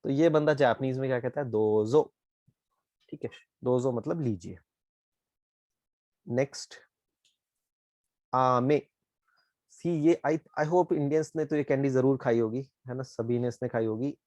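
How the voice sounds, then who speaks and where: Indian man, Japanese teacher, patient explaining, dry close sound, medium pitch. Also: a little mellow, no room sound, highs cut off. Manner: explains slowly, checks with "ठीक है?" often. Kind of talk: online class explanation.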